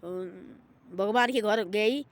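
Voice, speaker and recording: A woman's voice: mid-range voice, slow. Rambling woman telling a moral tale. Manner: rambling and repetitive, voices the people in her story. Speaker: storyteller. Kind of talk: informal moral storytelling.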